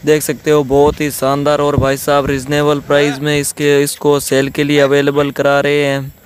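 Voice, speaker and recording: Man giving flat, repetitive sales patter. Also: fairly high pitch, moderate pace, slight background noise. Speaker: channel host showing buffalo for sale. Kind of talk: video tour commentary. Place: outdoor dairy farm yard.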